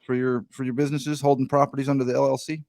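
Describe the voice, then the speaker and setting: A man's voice: medium pitch, flat delivery, darkish tone. Easygoing man in his fifties. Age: 50s. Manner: easygoing, joking, asks quick questions. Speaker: podcast host. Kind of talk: casual interview chat.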